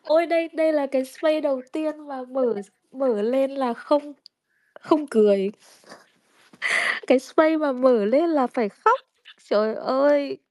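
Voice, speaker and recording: A woman's voice: high voice, unhurried, darkish tone, no echo, clean studio sound. A woman, chatting casually in a crude, self-mocking, rambling way full of restarts. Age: 30s. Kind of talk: casual chat.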